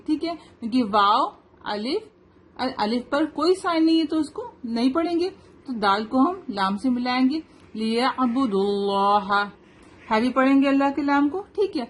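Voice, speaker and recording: A woman, teaching tajweed to children, explaining rules quickly and then reciting slowly word by word. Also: high-pitched.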